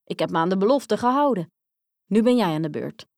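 Woman voicing a croaking, eager frog prince. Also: mid-range voice, expressive, fairly quick, darkish tone, no room sound, clean studio sound, natural voice. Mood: pleading. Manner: eager, pleading, occasional croak. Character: small polite talking male frog, persistent.

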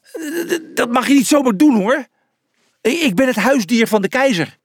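A man voicing a cheerful, boastful male zebra in a storybook reading, pitched higher than his own voice. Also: animated, normal speed, no room sound, clean studio sound.

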